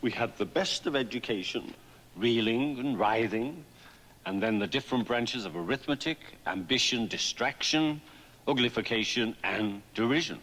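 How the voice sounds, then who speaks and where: Morose storybook turtle, pompous, doleful, mid pitch, long echo. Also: male voice, animated, moderate pace, a bit bright. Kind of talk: dramatized children's story album.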